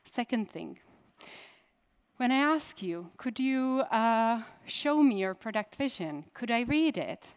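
A woman's voice: on the high side, animated, slow, clear, resonant tone. A woman in her thirties, a native Czech speaker, giving a conference keynote in a direct style and putting questions to the audience. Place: conference stage.

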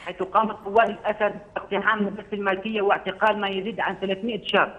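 A man's voice: high voice, level tone, very fast. A male field correspondent delivering an urgent news report, heard through a poor-quality remote audio feed. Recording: dull lo-fi remote stream.

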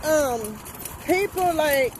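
High-voiced woman vlogging on a noisy street. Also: expressive, very slow. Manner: emphatic, keeps asking "right?"; walking outdoors while talking. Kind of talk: casual walking vlog monologue. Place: outdoors on a street. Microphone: phone held at arm's length. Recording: phone audio with street noise. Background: outdoor traffic noise.

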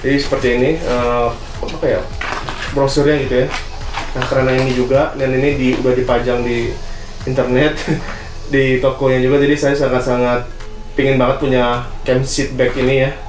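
A man's voice: mid-range voice, little pitch movement, moderate pace, noisy background. A young man casually reviewing a camping bag in a small gear-filled room, chatty with lots of fillers and tag questions. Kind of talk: casual product unboxing. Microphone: camera on tripod, seated. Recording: echoey room with faint music.

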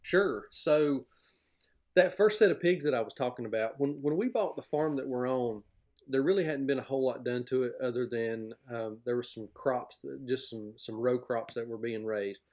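Enthusiastic middle-aged farmer on a video call. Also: male voice, medium pitch, moderate pace, darkish tone. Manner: enthusiastic, explanatory, plain-spoken. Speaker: pig farmer guest. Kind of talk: podcast interview over video call. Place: indoor room at home. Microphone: video call, webcam framing.

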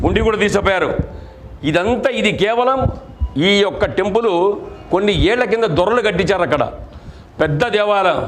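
High-pitched middle-aged guy ranting at the govt in a press statement, accusing, asking question after question, a bit of hiss behind. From Andhra Pradesh, India. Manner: angry, accusing, repetitive rhetorical questions. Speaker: party district president.

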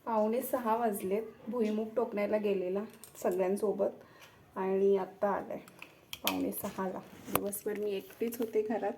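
A woman's voice: mid-range voice, fairly even intonation, a little slow, gravelly, background noise. A young woman chatting casually in a family vlog, teasing and laughing often. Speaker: vlogger, mother.

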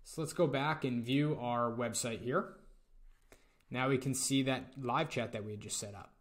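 A young man narrating a screen-recorded software tutorial in a relaxed, step-by-step way. His voice sits at an ordinary middle pitch. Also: normal speed. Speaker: tutorial presenter.

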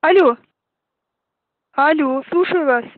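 Rich: A woman answers over a thin telephone line, her voice high and light. She sounds puzzled and keeps asking who is on the line. A faint hiss runs under the narrow phone sound. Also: takes it slowly. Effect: heard over a phone line. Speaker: prank call recipient.

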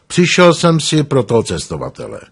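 Curt cold hired killer, a guy reading it out, kinda husky, talks flat and blunt. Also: mid-range voice, full character voice. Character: male assassin, cold professional killer.

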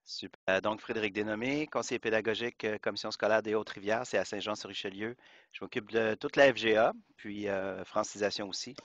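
Lower-voiced man on a call. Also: steady tone, fairly quick, fairly bright tone, no room sound. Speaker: educational consultant. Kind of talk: self-introduction in a meeting. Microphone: video call.

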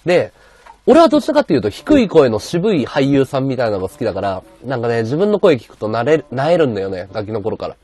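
Husky high-voiced male streamer, very animated. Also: quick pace. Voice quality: high-pitched voice. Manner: rough, blunt casual speech. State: sore throat. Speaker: livestreamer. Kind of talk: casual livestream chat reading viewer comments.

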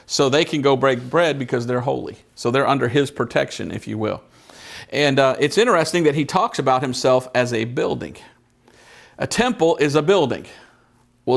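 A man with a medium-pitched voice and vocal fry is preaching a Bible study in church. Conversational storytelling marks his delivery, and he poses questions to the congregation.

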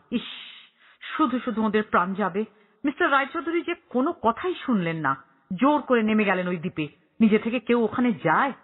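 A man narrating an audiobook in a dramatic storytelling way, voicing characters with excited rises in pitch. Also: breathy edge. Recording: tinny phone-like audio.

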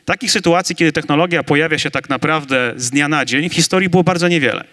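A man speaking on a large conference stage with a handheld mic, arguing his side in a staged debate with emphatic, energetic delivery. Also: a little high, quick pace. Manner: energetic, emphatic, building to big claims. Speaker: conference debater on augmented reality.

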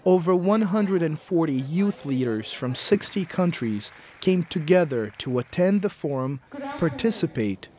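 A man giving scripted documentary narration in a measured, even delivery. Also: on the high side.

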